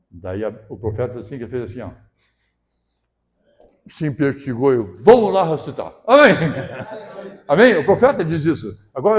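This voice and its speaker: Pastor preaching, higher mellow voice. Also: male voice. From southern Brazil. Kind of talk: sermon.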